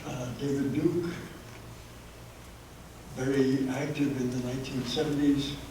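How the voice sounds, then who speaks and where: A man with a medium-pitched, fairly even voice speaks a little slowly against a noisy background, giving a public history talk with many hesitant fillers. He's recorded through a handheld microphone, sometimes held low, in an echoey meeting room from far off.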